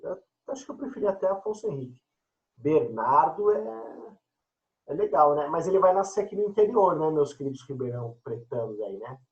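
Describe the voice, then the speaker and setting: A man teaching an online class, chatting and joking with his students. His voice sits a little high and swings widely in pitch. The audio is dull and lo-fi. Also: very animated, a little fast. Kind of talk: casual online class chat.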